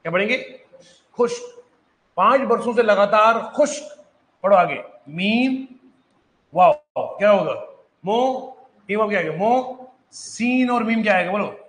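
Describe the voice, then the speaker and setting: A man's voice: high-pitched, animated, measured pace, fairly bright tone, echoey room, poor audio. A man teaching an online reading lesson, coaxing students to sound out letters, mixing in English phrases. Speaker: Urdu teacher.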